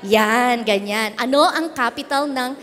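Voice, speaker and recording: Playful Filipina pastor in a reverberant hall. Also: female voice, a little high, measured pace, fairly bright tone. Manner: playful, teasing, quizzes the audience. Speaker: youth pastor. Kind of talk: interactive sermon.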